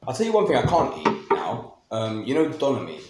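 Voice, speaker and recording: A man's voice: mid-range voice, wildly swooping pitch, a little fast, darkish tone. A young man with an urban London roadman accent, chatting casually and slangily with friends. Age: young adult. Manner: slangy, informal. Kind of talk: casual banter among friends. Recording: roomy echo, noticeable background noise.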